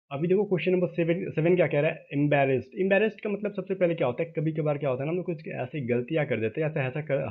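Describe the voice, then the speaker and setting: A chatty man gives an exam-prep vocabulary lesson, his voice sitting a little high. He spells words out slowly letter by letter and keeps checking that his viewers are following. The sound is thin and tinny, like a phone line. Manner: chatty, addresses viewers as "भाई". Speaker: vocabulary teacher.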